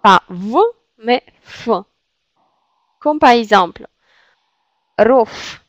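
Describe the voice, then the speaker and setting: A woman with a Russian accent gives a language lesson, repeating words and pausing with hesitant fillers as she explains. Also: mid-range voice, dry recording, dull audio. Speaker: Russian teacher.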